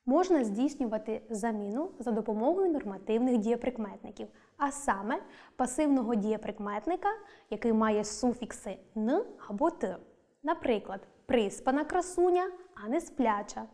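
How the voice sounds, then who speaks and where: A woman teacher reading a scripted lesson, clear and deliberate, stressing each example word. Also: on the high side, expressive, mellow.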